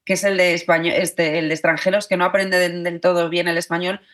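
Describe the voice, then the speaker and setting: A woman's voice: fairly low pitch, flat delivery, brisk, fairly bright tone. A woman, a journalist and author talking as a podcast guest, thinking aloud with many fillers and restarts. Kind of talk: podcast interview.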